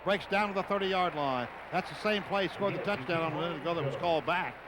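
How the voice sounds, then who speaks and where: A quick-paced American announcer with a high-pitched voice handles live radio play-by-play of a football game. He speaks in short, clipped bits, and the outdoor stadium audio is noisy.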